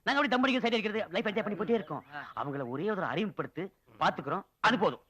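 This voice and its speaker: An actor playing a pushy, gruff young fan in a film comedy, muttering and scheming. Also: male voice, high voice, big pitch swings, rapid-fire, fairly bright tone, heavily acted. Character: pushy young man, a star-struck fan.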